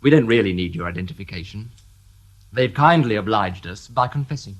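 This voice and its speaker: A man's voice: lowish voice, lively intonation, fairly quick. An actor playing a shrewd police detective inspector in a radio drama, dry and sardonic, needling the people he questions with excessive politeness.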